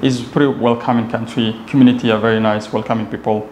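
Casually narrating his own story as an interview guest, a young adult man from Somalia, a native Somali speaker with a Somali accent, speaks fast in a level, darkish voice of medium pitch. The setting is an indoor glass-walled office lounge, echoey and with faint background noise.

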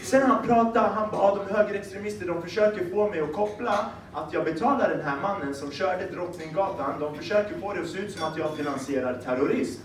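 Animated young man doing stand-up in a club. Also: high-pitched, few pauses. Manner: animated storytelling, acting out dialogue. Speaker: stand-up comedian. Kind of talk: stand-up comedy set. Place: comedy club stage. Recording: echoey club room, far-off mic, crowd noise.

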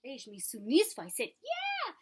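High-voiced slow teacher coaxing young kids. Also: female voice, lively intonation, a bit bright. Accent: Franco-Ontarian French. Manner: slow, clear, coaxing teacher talk to children. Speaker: kindergarten teacher. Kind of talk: online phonics lesson for young children.

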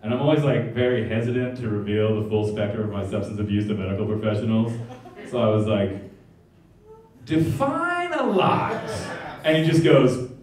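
A man's voice: lowish voice, fast, warm tone. A young man doing a stand-up comedy set, rambling and mocking himself, with lots of "like" and "uh.". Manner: rambling, self-mocking, full of "like" and "uh". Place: comedy theater stage. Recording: echoey theater from far off. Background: audience laughter.

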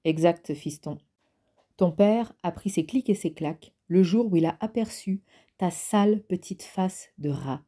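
A woman's voice: fairly low pitch, measured pace, dark tone. Woman voicing a sneering drunk stepdad. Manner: mocking, gruff and taunting. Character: drunken, sneering adult stepfather, a man. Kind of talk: audiobook character reading.

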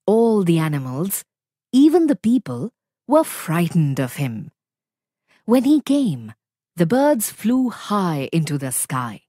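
Woman, storyteller, storybook reading for learners, slow, lively pitch, dry studio sound. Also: dry recording.

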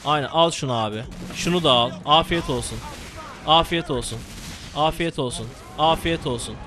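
A young man commenting live on his own gameplay, excitable and swearing, yelling at the game. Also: a little high, moderate pace. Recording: game music behind the voice. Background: game music and gunfire.

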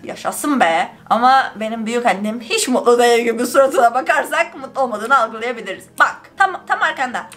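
A young woman hosts a gaming channel and gives excitable let's play commentary. Her voice is high and very animated, swinging widely in pitch. She reads the game's text out loud as she plays. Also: brisk, hardly any pauses.

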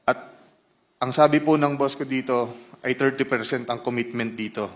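A man of medium pitch with a Filipino accent reads formal testimony. He is a witness at a hearing, and his speech mixes Tagalog and English. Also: steady tone, brisk.

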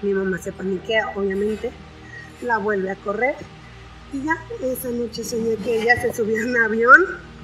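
Woman, fairly high and crisp voice, chatty storytelling, faint music underneath. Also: fairly even intonation, moderate pace, sharp tone, poor audio. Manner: conversational, with frequent fillers and restarts. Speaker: storyteller sharing a personal experience. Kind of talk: casual spoken storytelling.

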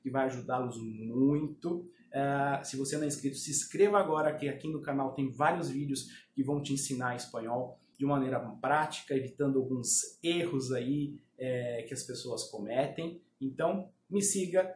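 A man's voice: mid-range voice, normal speed, few pauses, reverberant, slight background noise. A man teaching a Spanish lesson online, speaking to viewers and having them repeat words after him. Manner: drills pronunciation, asks viewers to repeat.

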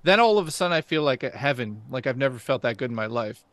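A man hosting a casual podcast, telling a story excitedly. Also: medium pitch, fast, dry recording.

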